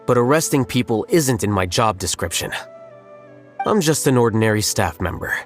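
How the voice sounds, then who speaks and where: A man's voice: mid-range voice, lively intonation, moderate pace, lightly acted. A man voicing an aloof, logical young scholar in a video game, detached and matter-of-fact in manner. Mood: dry, indifferent. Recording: music playing behind the voice.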